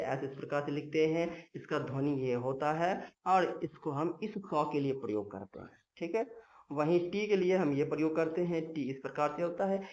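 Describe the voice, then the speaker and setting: A man teaching English letter sounds in a patient, repetitive, step-by-step lesson. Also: a little high. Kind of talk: Hindi-language English lesson. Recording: dull lo-fi sound.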